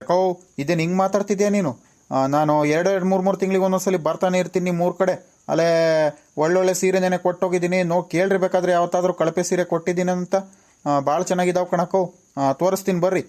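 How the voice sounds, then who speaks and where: A man's voice: high-pitched, steady tone, quick pace, darkish tone, natural voice. A man playing a travelling sari seller, coaxing village women with sales patter in a comedy skit.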